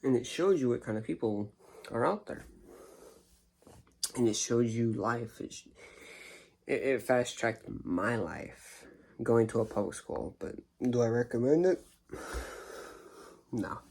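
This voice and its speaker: A man's voice: mid-range voice, animated, unhurried, gravelly, long pauses, a little mellow, slightly rough. A tired young man yawning as he rambles through a casual story on his vlog. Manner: rambling, restarts sentences. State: sleepy, yawning. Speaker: YouTuber.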